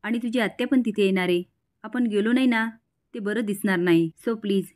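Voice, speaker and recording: A woman reading as a scheming smooth-talking woman. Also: mid-range voice, brisk, a little mellow, close to an everyday voice. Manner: read out within a plain recap.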